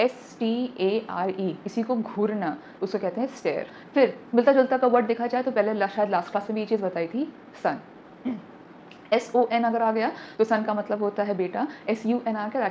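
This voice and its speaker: A woman teaching English vocabulary in an online class, explaining each word slowly and spelling it out letter by letter. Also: medium pitch, mellow. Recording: slightly dull lo-fi audio with faint background noise.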